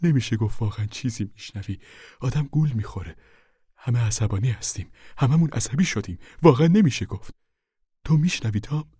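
A man voicing an earnest, calm, reflective preacher type who talks things through. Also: mid-range voice, dry recording, studio quality, voice pushed up, lightly acted. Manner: reassuring, thoughtful, storytelling.

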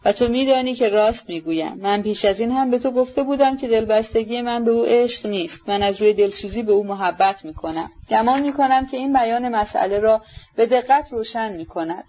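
A woman voicing a gentle, sincere young prince who speaks earnestly and openly, in a dull lo-fi recording. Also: fairly high pitch, close to an everyday voice.

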